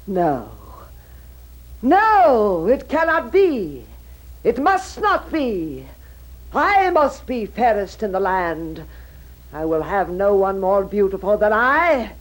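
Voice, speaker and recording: A woman's voice: mid-range voice, very animated, slow, poor audio. A woman voicing a proud, vain and jealous wicked queen who speaks in a haughty, commanding, theatrical way in a storybook record. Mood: jealous rage.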